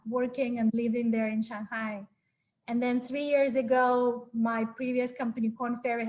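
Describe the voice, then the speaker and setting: A Ukrainian woman in her forties with a high-pitched voice presents a live webinar from a small room at home, friendly and earnest, frequently pausing on fillers and restarting sentences. Her audio comes through a laptop webcam mic on a video call, and the recording is low quality.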